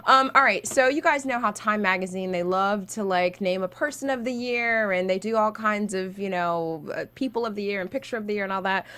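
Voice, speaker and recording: A woman's voice: mid-range voice, a little fast, few pauses, bright, forceful tone, clear, resonant tone. A woman hosting a fashion talk show in a studio, chatty and upbeat as she reads through the news.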